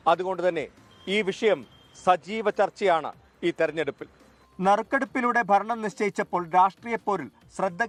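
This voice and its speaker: A man reporting a news package as scripted voice-over, in a measured, emphatic delivery. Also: high voice.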